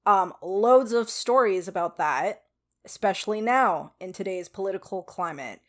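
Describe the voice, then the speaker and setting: A woman's voice: medium pitch, expressive, normal speed. A woman with a weak voice giving frank, casual opinion commentary to viewers, with some swearing. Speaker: video commentator.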